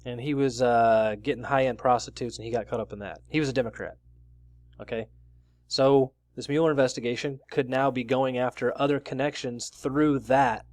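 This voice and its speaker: A man's voice: mid-range voice, steady tone, normal speed, a little mellow, no echo. A man hosting his own news commentary video, talking through stories casually and reading bits of articles aloud with his own asides. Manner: conversational, reads out article excerpts with asides.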